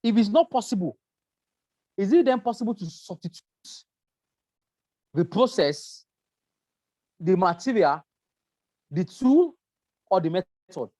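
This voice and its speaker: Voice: medium pitch, big pitch swings, unhurried, long pauses, warm tone, dry recording. Emphatic safety trainer with many fillers. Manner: emphatic, repeats key points, frequent um fillers. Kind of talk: lecture with slides.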